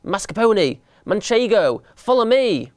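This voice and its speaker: A man voicing a scheming mouse gang boss with a crisp, officious, commanding manner. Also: a little high, big pitch swings, unhurried, no room sound, studio quality.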